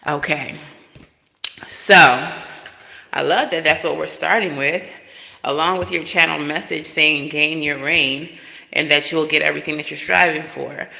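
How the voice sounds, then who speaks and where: Low, gravelly-voiced woman tarot reader, relaxed and chatty, mic drenched in digital echo with a long reverb tail. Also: measured pace. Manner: relaxed, chatty, with frequent fillers. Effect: digital echo effect on the microphone. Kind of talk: casual spoken reading to viewers. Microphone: microphone with added echo effect.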